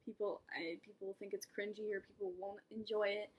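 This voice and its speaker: A young woman vlogs casually to camera, rambling and poking fun at herself, laughing and whispering asides. Her voice is medium-pitched and level in tone, a little fast, with a breathy edge.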